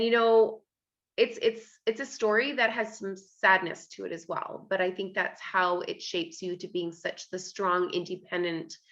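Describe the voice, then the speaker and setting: A woman's voice: on the low side, dull audio. A woman hosting an interview podcast, chatty and encouraging, with many fillers. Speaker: podcast host.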